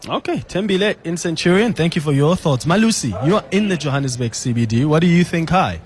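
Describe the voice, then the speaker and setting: A man hosting a phone-in radio show, calm and moderating, keeping his remarks brief. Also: a little high, fast talker. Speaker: radio talk show host.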